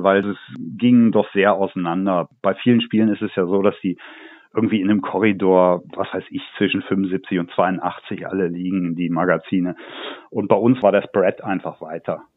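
Over a dull line that sounds like a phone, a low-pitched man answers interview questions about his game development work. He's talkative and relaxed, recounting stories with the occasional light laugh, and there's no room sound.

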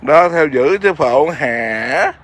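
A man's voice: fairly high pitch, animated, takes it slowly, a bit bright. A man, a Buddhist monk, chatting casually outdoors in his garden and keeps asking his viewers whether they see. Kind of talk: casual home vlog.

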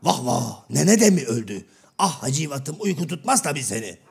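A man voicing Karagöz, a blunt, half-deaf middle-aged male shadow-play figure who keeps mishearing and twisting his partner's words, with a gravelly, raspy voice. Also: on the high side, sing-song, normal speed, a little mellow, full character voice. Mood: mock-innocent. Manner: mishears everything and answers with cheeky misunderstandings. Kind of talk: comic shadow-play sketch.

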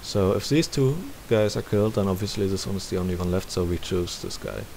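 Speaking briskly in a low voice, a man records a laid-back game tutorial from his screen. He thinks aloud through each step, and a steady hiss sits behind everything he says.

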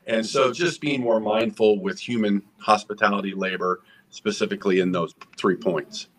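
A middle-aged man answers questions over a video call from his home office. He speaks in a fairly low voice, earnest and energetic, often repeating a word as he starts a thought. He sits a little back from the webcam mic. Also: normal speed, distant mic. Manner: earnest, energetic, gestures while talking, repeats words. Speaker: restaurant chain executive. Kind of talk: business video interview.

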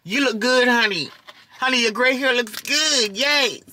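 A young man hosting a casual mukbang eating chat, sassy and expressive, full of slang. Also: very high voice, measured pace, slight background noise. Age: young adult. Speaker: mukbang vlog host. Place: inside a parked car.

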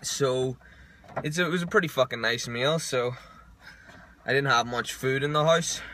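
A young man, narrating his fitness vlog in a relaxed, chatty way and swearing casually, recorded on a camera mic. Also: medium pitch, slight background noise. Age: young adult. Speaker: fitness vlogger. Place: gym, parked car, home kitchen.

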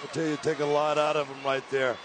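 A man's voice: fairly high pitch, flat delivery, quick pace. A man giving colloquial live wrestling commentary as an analyst, repeating phrases for emphasis. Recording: crowd and arena noise.

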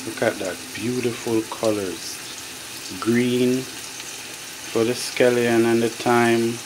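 A Jamaican man hosting a casual home cooking vlog, talking viewers through each step in his kitchen with a relaxed manner. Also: on the low side, background noise. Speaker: home cooking show host. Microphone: phone camera held over the stove. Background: pots boiling and sizzling.

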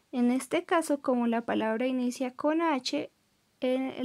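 Woman from Colombia, teacher, high voice, careful unhurried words. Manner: slow, clearly modelled pronunciation, switching between English and Spanish. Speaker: English teacher. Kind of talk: recorded classroom lesson.

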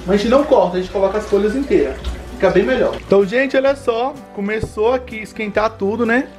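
Faint music plays as a young man with a Bahian Brazilian Portuguese accent, originally from Bahia, Brazil, teases and chats casually with viewers of his home cooking vlog. Filmed indoors in a home kitchen, his voice is high, quick and a little mellow.

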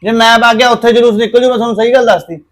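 An actor playing a hot-tempered young brother in a family drama, insistent and repeating himself. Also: male voice, extremely high pitch, fairly even intonation, rapid-fire. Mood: angry insistent. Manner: insistent, repeats "theek hai?". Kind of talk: scripted family drama acting.

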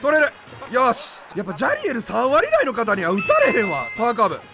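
A young man with a Kansai accent commentating his own gameplay, loud and excitable, breaking into rapid repeated exclamations. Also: very high-pitched. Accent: Kansai Japanese. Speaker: game YouTuber. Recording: game music behind the voice.

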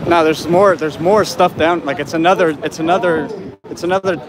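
A man working behind the camera on a live stream, chatting casually outdoors in halting, repeated phrases. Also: a little high, steady tone, crowd noise, rough recording. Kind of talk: casual chat. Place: outdoors on a city street. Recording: loud outdoor street noise.

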